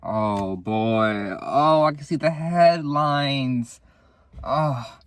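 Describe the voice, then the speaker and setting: A man's voice: medium pitch, drawn-out words, clear, resonant tone, no room sound. Laid-back young man telling stories solo. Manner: laid-back, laughs often, swears casually, acts out quoted voices. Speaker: podcast host. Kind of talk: casual solo storytelling.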